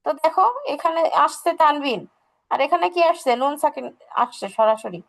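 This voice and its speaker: High, gravelly female tajweed teacher. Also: animated, normal speed, fairly bright tone, poor audio. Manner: patient, asks questions and answers them herself. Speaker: Quran recitation teacher. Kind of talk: online tajweed lesson.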